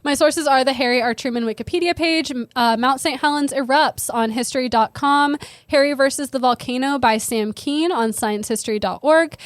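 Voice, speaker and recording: Podcast co-host, female, Valley girl accent and manner. Higher pitch, dry sound, conversational storyteller. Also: normal speed, hardly any pauses, no room sound. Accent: Valley girl American. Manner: Valley girl way of talking, peppered with "like".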